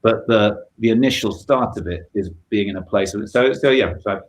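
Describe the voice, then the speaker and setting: A man's voice: fairly low pitch, brisk, poor audio. A man being interviewed as a musician, talking in a reflective, thoughtful way over a video call, often restarting his sentences. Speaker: guest musician. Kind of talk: casual interview chat.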